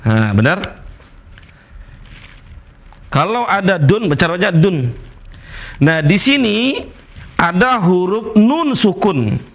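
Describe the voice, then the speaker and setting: A man's voice: high-pitched, very animated, slow pace, long pauses. A man teaching a Quran recitation lesson, patiently repeating recited examples and putting questions to his students. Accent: Indonesian.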